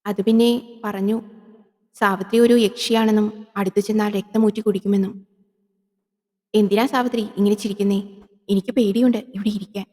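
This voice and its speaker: A woman's voice: mid-range voice, steady tone, normal speed, pauses often, warm tone, close to an everyday voice. A woman plays a simple, timid village man who speaks fearfully and hesitantly in a horror audio drama. A long hall reverb trails each line. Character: timid, simple-hearted male village servant.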